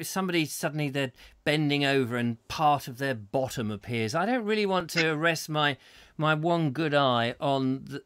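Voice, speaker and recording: A middle-aged Englishman with a mid-range, fairly bright voice hosts a comic chat show from a small home studio, hamming up a stuffy persona and sinking to a mutter for the jokes. He uses a desk mic and headphones, and there's no echo.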